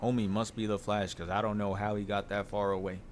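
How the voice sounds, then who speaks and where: A man's voice: lowish voice, brisk, a little hiss or hum. A man giving casual, comedic reaction-video commentary on anime fights, slangy and profane, acting out little asides. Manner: slangy, profane, animated storytelling with acted-out asides. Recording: loud music behind the voice. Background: music.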